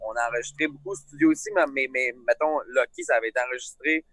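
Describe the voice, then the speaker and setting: Casual singer, male, strong Lac-Saint-Jean Quebec accent, loose and chatty, average pitch, close and dry. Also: fast talker, no room sound. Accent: Lac-Saint-Jean Quebec French. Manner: relaxed, rambling storyteller. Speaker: singer, interview guest. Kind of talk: casual chat. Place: outdoors.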